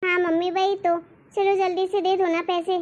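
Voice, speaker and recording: A woman's voice: very high-pitched, level tone, normal speed. A woman voicing a spoiled, demanding young college girl in a cartoon story. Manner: whiny and demanding. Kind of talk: cartoon voice acting.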